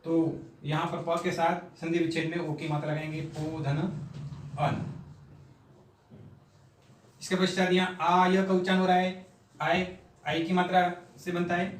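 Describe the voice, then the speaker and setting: Recorded from a distance in an echoey room, a fairly high-pitched male teacher gives a grammar lesson at a board. He moves slowly through each step and repeats syllables aloud one by one.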